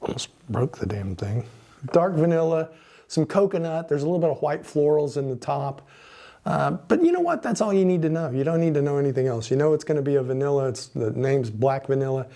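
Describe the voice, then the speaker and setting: A man's voice: a little high, lively intonation, a little fast, dark tone. A man reviewing fragrances in a casual, rambling way, often restarting his sentences and cursing under his breath at small mishaps.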